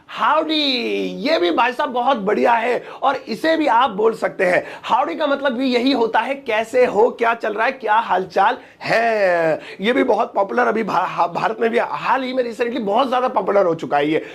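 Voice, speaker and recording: A man's voice: very high voice, gravelly, fairly bright tone. A man teaching an English lesson in a playful, joking way, acting out short everyday dialogues. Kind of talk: lively spoken English lesson.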